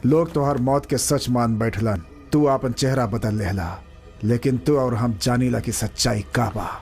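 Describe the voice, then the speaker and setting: An amateur actor playing a defiant young hero who stands up to the villain. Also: male voice, medium pitch, unhurried, a little mellow, soft background music, natural voice. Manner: defiant, cool. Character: defiant young male hero, son of a captive mother. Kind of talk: amateur spoof film acting.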